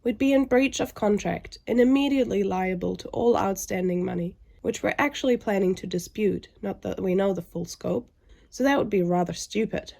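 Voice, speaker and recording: A woman's voice: mid-range voice, moderate pace, creaky, warm tone. A woman sounding under the weather and weary, narrating a scripted vlog with frustration.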